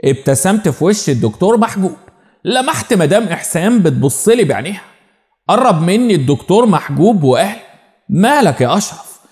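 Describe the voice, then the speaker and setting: An expressive Egyptian man telling a first-person story with plenty of drama. His voice sits high and moves a lot in pitch, and a long reverb hangs on each phrase. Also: fast talker. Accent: Egyptian Arabic.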